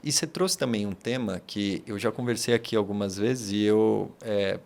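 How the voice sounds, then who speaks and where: A man's voice: lowish voice, normal speed, gravelly, a little mellow. A Brazilian man hosting a podcast, chatting casually in a loose, rambling way with many restarts and slang fillers. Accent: Brazilian Portuguese. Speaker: podcast host. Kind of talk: casual interview chat.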